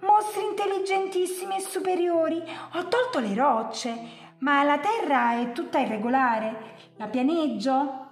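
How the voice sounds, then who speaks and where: A woman voicing a flattering, pleading yellow monster in a storybook read-aloud, grovelling with grand titles. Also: high voice, measured pace, reverberant, pitched above the performer's own voice. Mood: fawning.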